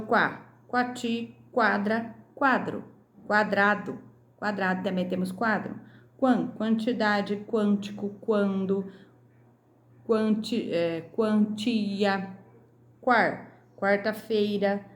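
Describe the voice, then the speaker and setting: A Brazilian woman, a primary school teacher, going through a workbook lesson slowly and clearly, sounding out syllables. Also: mid-range voice, roomy sound. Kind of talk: recorded lesson correcting a workbook.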